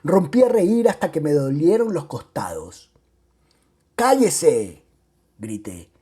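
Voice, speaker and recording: A man's voice: fairly high pitch, huge pitch swings, normal speed, warm tone, slightly rough. A man reading a novel aloud in the first person, acting out the quarrels of its characters with theatrical expression. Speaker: audiobook narrator.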